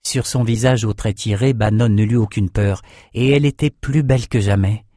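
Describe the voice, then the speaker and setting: A man narrating a fantasy novel in a measured, steady reading voice. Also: on the low side, no room sound, clean studio sound. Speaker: audiobook narrator.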